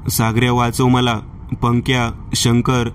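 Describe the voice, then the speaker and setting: A panicked young man trapped in the water, calling out to his friends in desperate pleading cries, as a storyteller puts him on. The voice stays flat, with almost no rise and fall. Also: mid-range voice, unhurried, slight background noise, close to an everyday voice.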